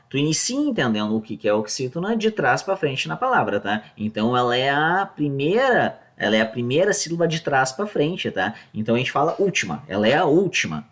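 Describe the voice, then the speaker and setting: Lively man teaching a lesson. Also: on the high side. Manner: casual explaining, checks in with "tá?" often. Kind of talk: exam-prep grammar lesson.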